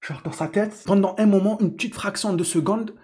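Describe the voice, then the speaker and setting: A man's voice: sits high, fairly quick, a little mellow. A young man giving an angry, sarcastic post-match rant as a football video host. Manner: indignant, sarcastic, mocking. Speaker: football commentator youtuber.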